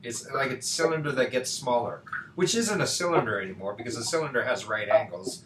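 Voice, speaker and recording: A man's voice: mid-range voice, lively intonation, fairly quick, fairly bright tone. A man teaching math in a loose, chatty way, checking in often with "right?" His voice comes through a computer mic. The room has a noticeable echo and a faint hiss of background noise. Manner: chatty, rhetorical questions, frequent fillers. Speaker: math tutor. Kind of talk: casual online tutoring. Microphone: computer mic on a video call.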